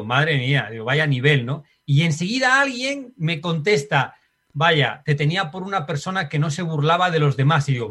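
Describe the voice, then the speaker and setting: Speaking on the high side, this Spanish-accented man has a slightly bright voice with a breathy edge. He reflects aloud as a guest in a conversational interview, frequently adding tags like "right?" and "¿no?" to the ends of sentences.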